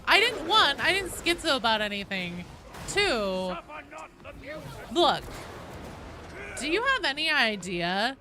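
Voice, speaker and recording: Speaking slowly with long pauses, this woman has a high, sing-song voice over a noisy background. She's livestreaming a game, offering rambling, sweary, self-deprecating chat and commentary.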